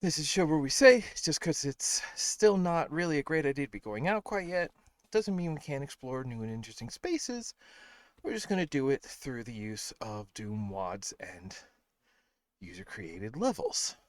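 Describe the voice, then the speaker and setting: A man's voice: mid-range voice, lively intonation, moderate pace, dry recording. A tired man hosting a casual game stream from home, rambling with lots of fillers and sounding a bit out of breath. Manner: rambling, self-deprecating, many fillers. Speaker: streamer host. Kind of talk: casual livestream chat.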